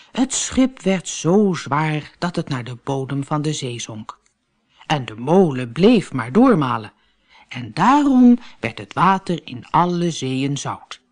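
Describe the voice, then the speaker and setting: A woman narrating a children's storybook in a lively, expressive reading. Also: low-pitched.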